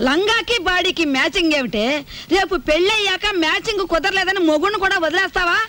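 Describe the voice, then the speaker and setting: An old grandmother, scolding, shrill high voice, quick-tongued. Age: older. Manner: sharp, scolding.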